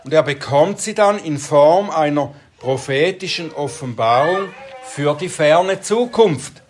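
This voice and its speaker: A preacher giving an expository sermon, explaining Bible verses in a deliberate, measured way. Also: mid-range voice, animated, a little hiss or hum.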